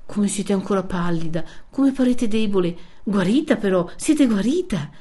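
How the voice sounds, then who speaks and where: Woman doing a young peasant man, impassioned, urgent, exclaiming, pitch leaping high, storybook reading. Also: lively intonation, moderate pace, mellow, close to an everyday voice.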